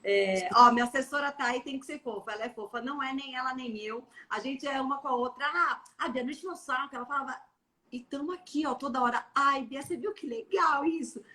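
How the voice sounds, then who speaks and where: A young Brazilian woman talking casually and bluntly as a guest on a live stream, animated and playfully acting out how others talk. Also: sits high, fast talker. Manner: blunt, animated storytelling with playful quoted voices. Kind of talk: casual chat.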